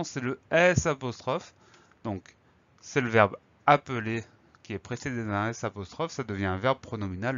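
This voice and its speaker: Patient French teacher spelling out words. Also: male voice, mid-range voice, sharp tone, no room sound, highs cut off. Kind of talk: spelling lesson narration.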